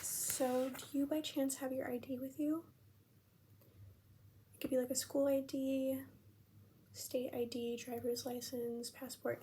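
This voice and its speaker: A young American woman in an ASMR role-play as a friendly librarian, speaking in a gentle, unhurried, breathy library soft voice. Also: high-pitched. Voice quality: soft-spoken, breathy near-soft voice. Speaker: ASMR performer playing a librarian at checkout. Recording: faint background noise.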